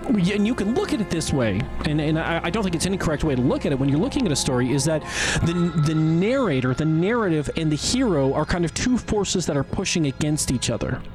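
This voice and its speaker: A man's voice: on the high side, big pitch swings, quick pace, poor audio. A man giving casual playthrough commentary as he plays, musing and thinking aloud. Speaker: gamer playing and commenting. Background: game music and sound effects.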